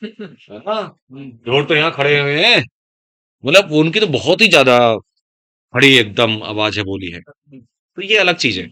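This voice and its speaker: A biology teacher from Uttar Pradesh, India, lectures his classroom, calling students "beta," digressing into life advice and remarking on his own heavy, stern-sounding voice. His mid-range voice is sing-song, unhurried, bright and forceful, with long pauses. The recording is clean studio sound with no echo.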